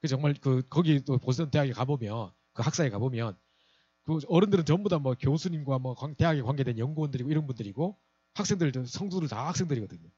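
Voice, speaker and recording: A man's voice: medium pitch, animated, fast talker, mellow, slightly rough, no room sound, highs cut off. A man in his forties, a pastor giving an evangelism lecture and telling a personal story, acting out the people he quotes. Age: 40s.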